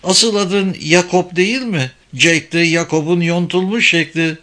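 A man's voice: high voice, a little slow, sharp tone, pitched above the performer's own voice. A man reading an audiobook voices a confident young woman journalist who teases her companion. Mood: teasing, self-assured. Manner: teasing and self-assured.

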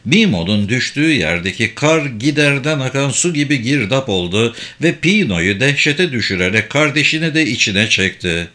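A man narrating an audiobook in an animated, expressive way. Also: mid-range voice, normal speed, hardly any pauses. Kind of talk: scripted narration.

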